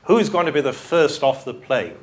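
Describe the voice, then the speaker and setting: A man's voice: mid-range voice, expressive, normal speed. A man with a British accent giving a university lecture and answering audience questions in a conversational way, thinking aloud with restarts.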